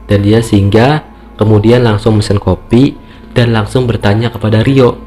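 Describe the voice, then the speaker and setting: A man's voice: fairly low pitch, fairly even intonation, moderate pace, warm tone. A man telling a horror story informally and conversationally, repeating phrases for emphasis. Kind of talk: informal spoken storytelling, acting out dialogue. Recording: music playing behind the voice.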